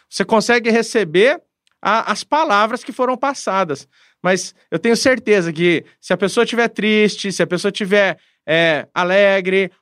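A man talking earnestly and reflectively with a pastor, pausing often to find his words. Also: sits high, a bit bright, no echo, clean studio sound. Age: adult, father of a daughter. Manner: earnest, reflective, frequent hesitations. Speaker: guest speaking with a pastor. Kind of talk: casual conversational talk.

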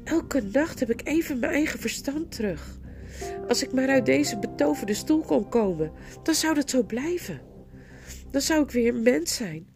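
A woman's voice: high voice, expressive, moderate pace, over music, voice pushed up. Woman voicing a desperate, pleading bound knight. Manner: pleading, rising to frantic shouts. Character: desperate enchanted young male knight, pleading.

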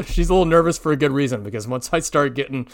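A man's voice: a little high, fast talker. A man hosting a podcast from home, chatty and fired up, laughing often and digging into his topic. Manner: energetic, ranting, laughs often. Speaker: podcast host. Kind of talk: casual podcast chat.

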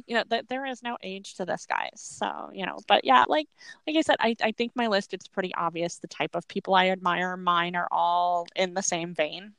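A woman's voice: lowish voice, moderate pace, vocal fry, a bit bright, smooth, no echo, low-quality recording. A woman hosting a casual chat show, rambling informally in a slightly wheezy voice as if a little unwell. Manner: rambling, informal, laughs easily. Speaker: podcast host.

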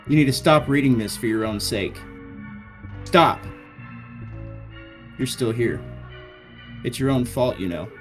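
Man ominously reading a creepy story. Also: medium pitch. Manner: ominous second-person reading. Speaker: podcast co-host.

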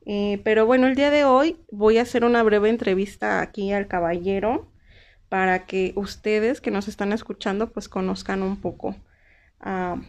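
A woman hosting a casual podcast interview, playful and teasing with her guest. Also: mid-range voice. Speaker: podcast host.

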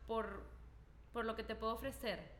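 A woman with a bright, slightly high voice thinks aloud in a casual podcast chat. She restarts phrases as she works out her point, and the room around her is echoey with faint noise. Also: fairly even intonation, a little slow.

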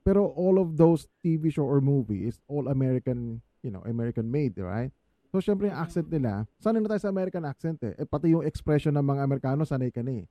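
Animated man, dry close sound. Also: mid-range voice, quick pace, dry recording, muffled recording. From Philippines. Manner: lively, laughs often, animated storytelling. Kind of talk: casual chat mixing Tagalog and English.

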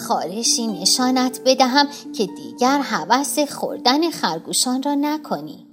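A flustered little rabbit pretends to be a healer in a children's tale, voiced by a woman, pleading in a high voice that leaps up and down. Faint music plays underneath. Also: very animated. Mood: fretting. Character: timid rabbit posing as a wise healer. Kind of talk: storybook character voice.

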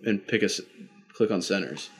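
A man's voice: low-pitched, normal speed, breathy edge, faint music behind. A young man talking casually with a friend, his speech loose and full of fillers. He breaks into laughter often while rambling through stories. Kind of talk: casual chat.

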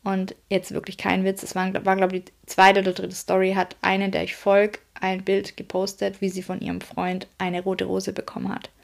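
A woman's voice: medium pitch, completely flat delivery, normal speed, vocal fry, few pauses. A woman coach telling a personal story in an emotional way, speaking directly to her listeners. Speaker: self-employed coach.

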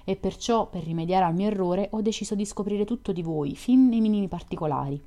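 A woman reading an audiobook, voicing a lively, curious young woman who chats and teases with questions. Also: mid-range voice, brisk, close to an everyday voice. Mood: chatty, teasing. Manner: chatty, teasing, questioning.

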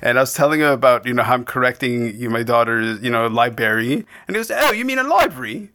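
Hosting a casual interview podcast, this Canadian man talks fast in a bright, forceful, mid-range voice with lively intonation. He wanders off on digressions and restarts his sentences often.

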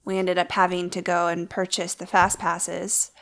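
A woman's voice: fairly low pitch, level tone, normal speed, fairly bright tone. Chatty woman co-hosting a podcast. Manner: chatty, explaining details. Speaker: podcast co-host. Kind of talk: casual chat.

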